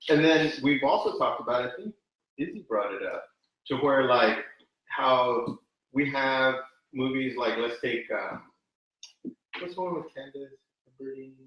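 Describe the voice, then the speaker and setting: A man's voice: mid-range voice, expressive, unhurried, a bit bright. A man hosting a podcast, chatting casually and easygoing. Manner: easygoing, laughs readily. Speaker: podcast host. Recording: echoey room, distant mic, faint noise.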